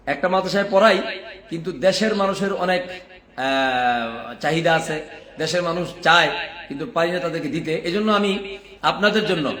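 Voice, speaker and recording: A man teaching correct Quran recitation, repeating syllables slowly and chanting verses between quick explanations. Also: sits high, a bit bright, reverberant. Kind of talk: recitation lesson with chanted examples.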